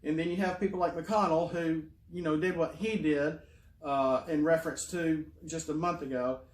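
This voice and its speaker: A man's voice: on the high side, steady tone, normal speed. Rambling man in an echoey room. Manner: rambling, hesitant, many fillers and restarts. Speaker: YouTuber. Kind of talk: casual monologue.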